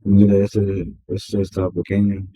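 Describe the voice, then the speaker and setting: Low dark-voiced podcast host. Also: male voice, monotone, measured pace, breathy edge, low-quality recording. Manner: affirming, frequent "ujú" backchannel. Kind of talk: casual interview talk.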